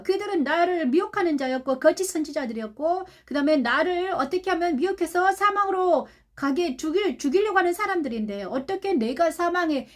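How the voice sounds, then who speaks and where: A woman pastor preaches a sermon in a high voice. She repeats her phrases and keeps asking the congregation rhetorical questions. Her delivery swings between quiet passages and louder ones. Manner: shifts from soft to loud delivery.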